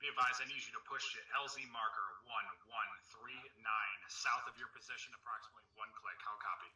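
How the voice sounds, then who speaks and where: A man heard over an in-game radio, giving clipped procedure calls as a helicopter flight lead, brisk and directive. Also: on the low side, pushed and bright. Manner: brisk and directive, uses radio brevity terms. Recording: distant radio voice with light noise.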